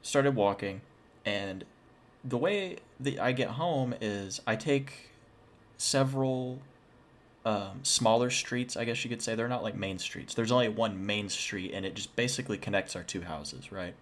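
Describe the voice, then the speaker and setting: A young man tells a spooky personal story in a casual, chatty way. He keeps dropping self-deprecating asides. His voice sits a little on the low side. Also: a little slow.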